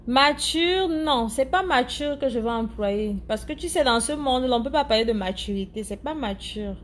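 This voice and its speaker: This live streamer, a woman whose accent is African French, responds to viewer comments in a relaxed chat, her slightly high voice animated at a normal pace. A little hiss or hum sits under the audio, and she repeats herself while groping for words.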